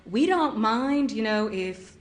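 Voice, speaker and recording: Speaking slowly in a slightly high voice, this young museum guide from Cow Island, Louisiana, gives interview answers inside a heritage village, recorded on location. She's lively, often laughing and using fillers.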